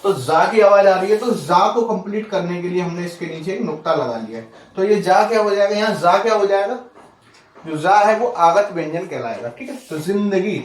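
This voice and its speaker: In an echoey room, far off the mic, a man's voice sits high and sounds animated at a moderate pace. He leads a Hindi grammar lesson for exam students, explaining step by step, repeating example words, questioning the class and saying "okay" between points.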